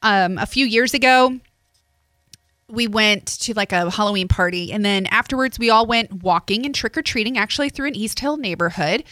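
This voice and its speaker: A woman co-hosting a radio show, talking in an animated, chatty way and laughing easily. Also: mid-range voice, normal speed, dry recording. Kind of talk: casual chat. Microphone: studio mic.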